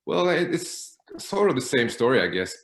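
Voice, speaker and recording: A man's voice: medium pitch, sing-song, normal speed, roomy sound. A man in his thirties from northern Norway, a native Norwegian speaker, talking casually as an interview guest with many hesitant fillers. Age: 30s. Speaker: guest guitarist.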